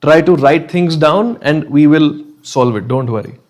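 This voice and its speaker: A man's voice: on the high side, measured pace, a little mellow. A man with an Indian accent teaching a live online chemistry lesson, encouraging and reassuring students, often checking in and slipping Hindi phrases into his English.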